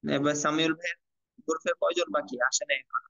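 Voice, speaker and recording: A man teaching a Quran reading class online, with a slightly high voice. He slowly drills letter sounds for his students with patient repetition. The audio is dull and lo-fi. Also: little pitch movement, vocal fry, sharp tone.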